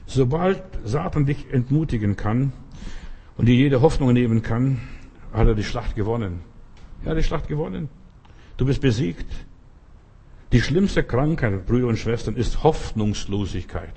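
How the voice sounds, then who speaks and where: A man preaching a sermon to his congregation, urging them on with emphatic, exhorting delivery and sudden leaps in pitch. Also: expressive, measured pace, dark tone, slightly rough.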